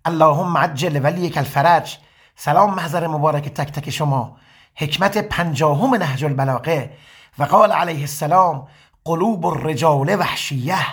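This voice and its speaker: Male preacher, fairly high husky voice, quotes scripture and then explains it. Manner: sermon-like, quoting Arabic passages then explaining them. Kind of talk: religious lecture on scripture.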